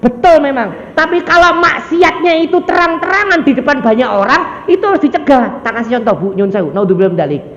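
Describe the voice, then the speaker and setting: High-voiced East Javanese preacher in echoey hall. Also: male voice, a little fast, few pauses. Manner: lively, jokey, acts out quoted voices. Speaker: ustadz preacher. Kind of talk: mosque sermon. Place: mosque hall. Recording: echoey dull hall sound, faint background noise.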